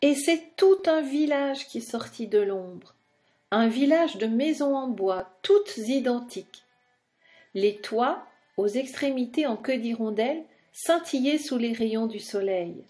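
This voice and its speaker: A woman's voice: on the high side, expressive, slow pace, mellow, faint music behind. A woman narrating a children's storybook expressively and speaking directly to the young listener.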